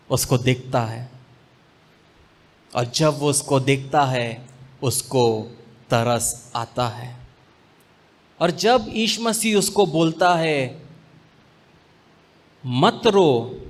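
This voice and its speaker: A man preaches a sermon. His voice sits a little high, and he moves at a slow, deliberate pace. He leans on weighty pauses and mixes in English phrases. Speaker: pastor.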